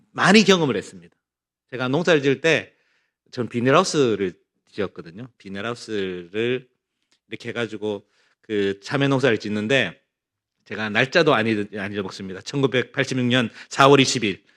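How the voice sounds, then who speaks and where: A middle-aged male pastor from North Gyeongsang giving a Bible study sermon, telling stories and asking the congregation rhetorical questions. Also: medium pitch. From North Gyeongsang, Korea. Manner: animated storytelling with rhetorical questions.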